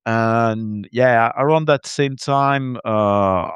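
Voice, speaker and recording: Extremely slowly and smoothly, a medium-pitched man from Belgium talks as a podcast guest via video call, carrying a French Belgian accent as a native French speaker. The interview sounds dry and lo-fi, and he comes across chatty and hesitant.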